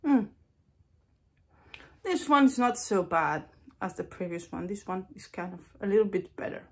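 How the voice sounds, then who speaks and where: Woman in her thirties, casual vlog reactions, eating sour candy, exclamations of discomfort, medium-pitched voice, indoors. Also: animated, measured pace, husky. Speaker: video host taking a sour candy challenge. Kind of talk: casual solo challenge vlog chat. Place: small room indoors at home.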